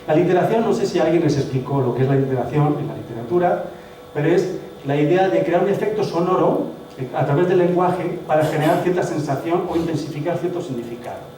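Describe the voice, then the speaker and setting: A man delivering a conversational academic lecture, his slightly high, mellow voice set back from the mic. The hall around him is very reverberant, and faint noise hangs under his speech. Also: brisk. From Spain. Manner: conversational, explains with rhetorical questions. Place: municipal hall. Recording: very echoey hall, mic far off.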